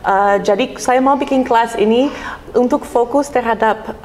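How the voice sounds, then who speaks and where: A woman's voice: fairly high pitch, moderate pace, a little mellow. American woman speaking Indonesian as a foreigner. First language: English. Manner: foreigner speaking Indonesian, with some English words mixed in. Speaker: university lecturer being interviewed. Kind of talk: casual interview.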